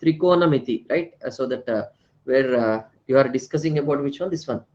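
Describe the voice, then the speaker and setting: The lo-fi recording carries a brisk, slightly mellow mid-range male voice with an Indian accent, teaching a live online lecture. He repeats phrases, leans on tag questions such as "right" and "na," and mixes Hindi words into English.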